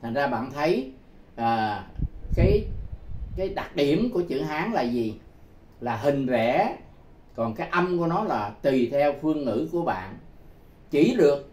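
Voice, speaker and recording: Slow, lively-pitched male teacher. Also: echoey room. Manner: deliberate, repeats key words, frequent "à" fillers. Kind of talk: explanatory lesson.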